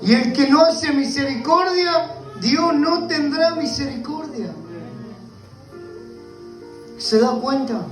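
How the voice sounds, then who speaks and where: Impassioned Rioplatense pastor, high and echoey. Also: male voice. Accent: Rioplatense Spanish. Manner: impassioned preaching, repeatedly addressing the listener as brother. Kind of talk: sermon. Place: church.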